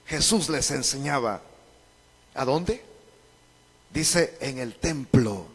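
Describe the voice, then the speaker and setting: A man preaching a sermon into a handheld microphone in a church hall, going from quiet explanation to shouted climaxes. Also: medium pitch, lively intonation, takes it slowly, slightly rough.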